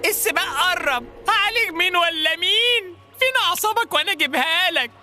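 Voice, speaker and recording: Woman voicing a fussy, eager cartoon sidekick, very high lively voice, bright tone, music underneath. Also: fast, full character voice. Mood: fussing. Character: fussy helpful sidekick Safrout. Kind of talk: children's audio drama.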